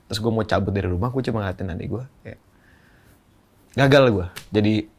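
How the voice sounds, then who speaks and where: A man's voice: on the low side, a little fast, darkish tone. A young man, a podcast guest, telling a candid, emotional personal story in slangy casual speech.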